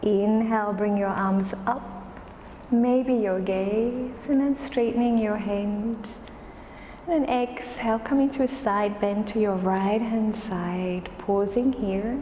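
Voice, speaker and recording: A woman yoga instructor guiding a class in a calm, soothing, unhurried way. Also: mid-range voice. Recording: roomy, reverberant space with faint noise.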